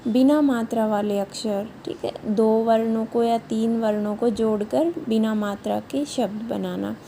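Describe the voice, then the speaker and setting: A woman's voice: on the high side, steady tone, unhurried, vocal fry, warm tone, a little hiss or hum. A woman teacher giving a patient, step-by-step revision lesson to young children, often checking in with short questions. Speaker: primary school teacher.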